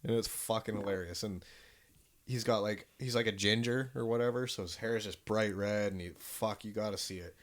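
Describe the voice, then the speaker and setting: Rambling low-voiced man chatting casually. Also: fairly even intonation, normal speed. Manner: rambling, swears freely, many restarts and fillers. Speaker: podcast co-host. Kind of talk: casual chat.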